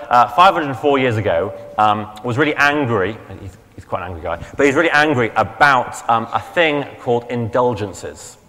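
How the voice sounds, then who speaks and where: A man's voice: medium pitch, bright, forceful tone, in a large hall. A man preaching a sermon in a casual, conversational way, with fillers and restarts and questions to the congregation. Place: church.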